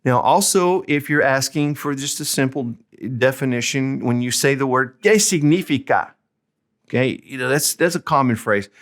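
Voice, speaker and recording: A man gives a relaxed Spanish lesson at a mid pitch. He talks to the learner directly and keeps asking "okay?" He slows down to say each Spanish example carefully. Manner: casual teaching, frequent "okay?" check-ins; speaks Spanish example phrases slowly and clearly. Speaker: Spanish tutor. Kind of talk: explaining Spanish grammar to learners.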